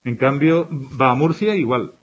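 A Spanish teacher from Spain, speaking with a Spanish accent, gives a grammar lesson to his class, offering one example after another and checking in with "¿de acuerdo?". His voice is medium-pitched, expressive and unhurried. The recording has its highs cut off and slight background noise.

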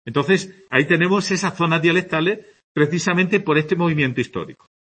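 A man's voice: on the high side, brisk, fairly bright tone, breathy edge. A tired man from Andalusia with an Andalusian accent, giving a conversational classroom lecture and often checking in with his students. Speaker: teacher. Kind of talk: classroom lecture on Spanish dialects.

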